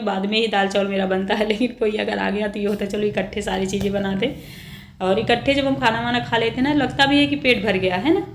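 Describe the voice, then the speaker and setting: A woman chatting casually with viewers as she cooks in her home kitchen, narrating what she is making. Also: fairly high pitch. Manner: chatty, addresses viewers as friends. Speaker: home cooking vlogger. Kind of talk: casual cooking vlog narration. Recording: roomy kitchen echo, faint background noise.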